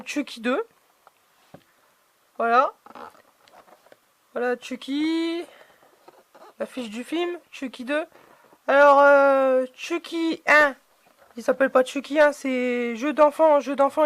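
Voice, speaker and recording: A high-pitched woman talks through an unboxing of collectible figurines in a loose, chatty way, stopping often to search for words. Her voice is close and dry, with no room sound around it. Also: dry recording. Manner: chatty, hesitant, many fillers. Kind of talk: casual unboxing commentary.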